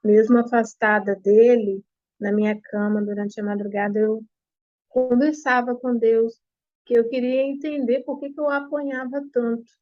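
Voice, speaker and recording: A young adult woman with a Brazilian Portuguese accent gives an emotional personal testimony, repeating herself with halting pauses, at home. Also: a little high, flat delivery, no room sound, soft background music. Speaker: interviewee giving testimony. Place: apartment at home. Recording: slightly dull lo-fi, dry.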